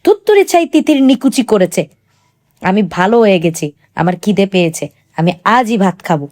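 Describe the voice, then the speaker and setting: A woman's voice: mid-range voice, animated, normal speed, a little mellow, lightly acted. A woman voicing a sick, half-deaf young husband who petulantly keeps repeating his demands.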